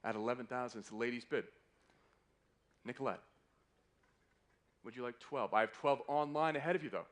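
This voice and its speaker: Working a live sale in a hotel auction room, a male fine art auctioneer talks briskly but with long pauses. His mid-range voice is a touch bright, and his polite patter keeps repeating the bids.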